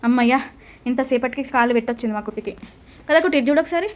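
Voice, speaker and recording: A woman, a mother coaxing and instructing her children through a clay craft in a casual home video. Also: a little high. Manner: coaxing, instructive, quick questions.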